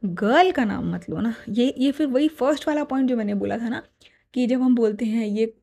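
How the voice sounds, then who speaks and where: A woman's voice: a little high, normal speed, gravelly, mellow. A woman in her thirties, a mother giving parenting advice to camera in an earnest, explaining way, switching between Hindi and English, on a clip-on mic. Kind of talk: casual advice talk to camera. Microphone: lavalier mic.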